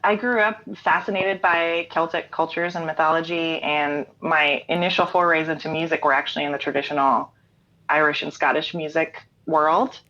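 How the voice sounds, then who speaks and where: She speaks at a normal speed in a low voice with a steady, sharp tone. The speaker, a middle-aged American woman who is a singer-songwriter and writer, is a casual interview guest on a remote call from home, explaining things in an easygoing manner. The online call audio is dull and lo-fi.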